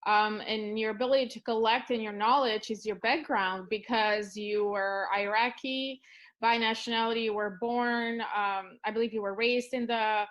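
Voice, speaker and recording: A woman's voice: a little high, steady tone, normal speed, a bit bright, dull audio. A woman interviewer summing up her guest's background and asking her to say more, in a conversational, affirming way. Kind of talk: interview questions.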